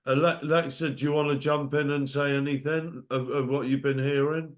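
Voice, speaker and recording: British man host, chatty and informal, prone to halting restarts. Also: on the high side, level tone. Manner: friendly, informal, hesitant restarts. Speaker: group call host. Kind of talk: casual group call chat.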